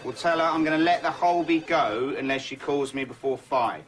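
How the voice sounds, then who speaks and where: A brusque man who talks in a demanding, impatient way. His voice sits a little high. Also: normal speed.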